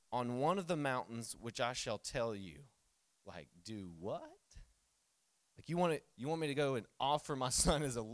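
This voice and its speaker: A man, preaching a sermon in a lively, conversational way with jokes and asides. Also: mid-range voice, dry recording. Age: 30s. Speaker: pastor.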